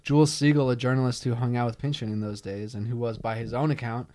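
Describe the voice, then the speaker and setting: A man's voice: mid-range voice, flat delivery, quick pace, dark tone. A man co-hosting a podcast, reading scripted narration and breaking into wry, quibbling banter. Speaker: podcast co-host.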